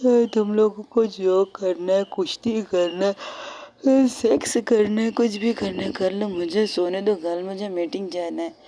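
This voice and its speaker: A woman voicing a grumpy young woman who drawls slowly because she wants to sleep. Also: medium pitch, fairly even intonation, mellow, lightly acted. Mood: sleepy. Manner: slow and drowsy.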